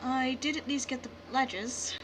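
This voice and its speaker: A woman's voice: high-pitched, fairly even intonation, normal speed, noisy background, lightly acted. A woman voicing a sly, coy female rogue. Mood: coy, wry. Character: sly female rogue who does good in naughty ways. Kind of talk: voicing a character in a tabletop game.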